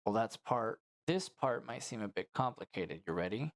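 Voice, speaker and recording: A man voicing a blunt, sarcastic male doctor in a video game, delivering his lines deadpan. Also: fairly low pitch, moderate pace.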